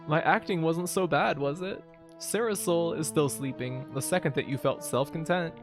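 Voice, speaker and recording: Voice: medium pitch, moderate pace, over music, lightly acted. Gloating she-devil, read out by a game player. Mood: smug, gloating. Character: gloating female devil possessing a lover's body. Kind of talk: video game dialogue read aloud.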